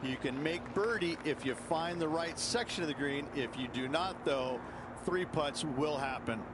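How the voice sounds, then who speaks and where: Instructive male golf analyst over loud ambience. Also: a little high, moderate pace, noisy background. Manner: instructive, addresses the player directly. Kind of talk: sports commentary in a video game. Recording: loud outdoor ambience behind commentary. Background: loud outdoor ambience.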